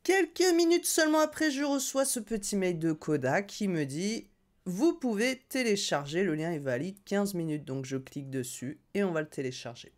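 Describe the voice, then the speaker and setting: A woman's voice: medium pitch, lively intonation, normal speed. A woman hosting a casual screen-share tutorial on a no-code tool, chatty and upbeat with frequent hesitations.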